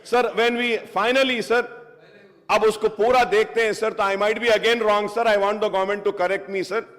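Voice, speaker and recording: This legislator's pitch is high and his intonation fairly even, with a slow pace and a fairly bright tone. He argues his case on the assembly floor in a mix of English and Hindustani, and the hall around him is echoey.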